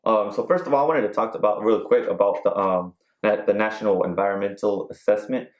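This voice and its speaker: Low-voiced rambling man in an echoey room. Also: a little fast. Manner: rambling, filler-heavy, joking. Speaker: podcast co-host. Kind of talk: casual chat.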